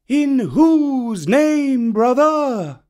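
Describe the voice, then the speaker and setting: A man voicing a sharp-eyed old male kite bird that watches the jungle and talks in a wry, chuckling way. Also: very high voice, sing-song, very slow, pitched above the performer's own voice, full character voice. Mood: questioning. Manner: chuckling, knowing.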